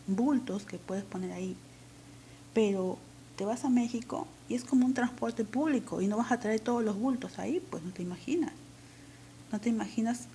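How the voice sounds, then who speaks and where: A woman's voice: mid-range voice, warm tone, a little hiss or hum. A woman teacher with a Peruvian accent, patiently explaining a language lesson step by step. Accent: Peruvian Spanish.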